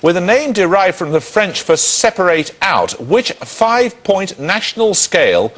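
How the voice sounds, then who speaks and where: Quiz host guy, slightly high voice, snappy crisp question reading in a tv studio. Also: sing-song, a little slow, fairly bright tone. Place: television studio.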